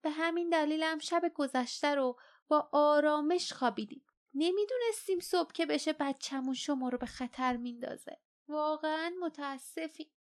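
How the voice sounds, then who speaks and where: A woman's voice: sits high, creaky, pitched above the performer's own voice. A woman voicing a protective mother giant creature in an audiobook, scolding and earnest by turns. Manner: scolding, then earnest and soft. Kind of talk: audiobook character voice.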